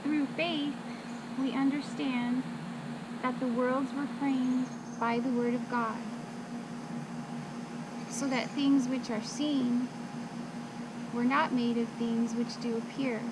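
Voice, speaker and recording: A woman reciting Bible verses by rote from memory, in short measured phrases with pauses, on a recording with loud background noise. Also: high-pitched, flat delivery. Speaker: scripture reciter.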